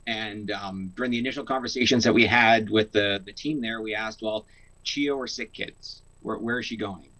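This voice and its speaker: A man's voice: fairly low pitch, normal speed, bright, forceful tone, poor audio. A young man from Canada, telling a personal story in a casual interview, earnest, with many fillers and restarts. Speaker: guest.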